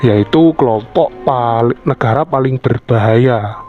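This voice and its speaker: A man with a bassy voice, hosting a casual video commentary and addressing viewers informally, sometimes crudely. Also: a little slow. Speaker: YouTube host. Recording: dull lo-fi audio, music behind. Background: prominent background music.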